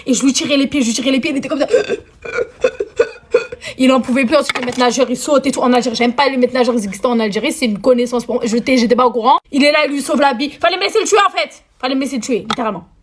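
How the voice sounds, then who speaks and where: A woman's voice: high-pitched, steady tone, fast talker, slight background noise. A young woman telling a childhood story in a chatty, dramatic way, full of slang and English phrases. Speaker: storyteller vlogger. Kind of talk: casual story time.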